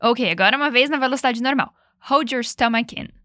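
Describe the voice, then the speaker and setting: A woman teacher leads an English lesson, explaining phrases and having the listener repeat them. Her voice is bright and a little high. She says the English examples slowly and clearly, and the recording is dry and close. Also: dry recording. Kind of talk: language lesson with repetition drills.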